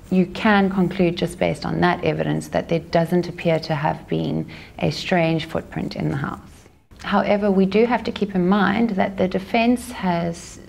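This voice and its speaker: Gravelly South African woman recapping a trial. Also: on the low side, a little mellow. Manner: measured, careful recap with small restarts. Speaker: legal commentator. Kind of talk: courtroom news commentary.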